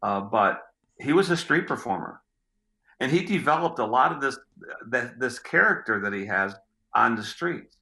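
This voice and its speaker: Gruff-voiced and middle-aged, this street magician rambles through an interview, repeating words as he gathers his thoughts. He's expressive at a moderate pace, medium-pitched, bright and forceful, and the room sound is noticeable.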